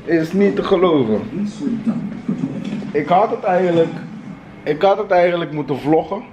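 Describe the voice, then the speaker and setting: A man's voice: high-pitched, lively intonation, normal speed, highs cut off, noisy background. A man, chatting casually to a handheld camera as he vlogs. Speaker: vlogger. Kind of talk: casual vlog chat to camera. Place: at home indoors, rooms with hard floors and walls. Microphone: handheld camera at arm's length.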